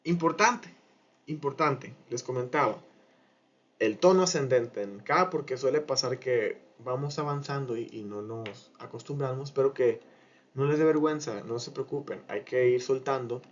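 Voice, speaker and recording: Man teaching grammar, muffled sound. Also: mid-range voice. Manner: patient, repeats example sentences slowly. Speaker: Japanese teacher. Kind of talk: explaining grammar lesson.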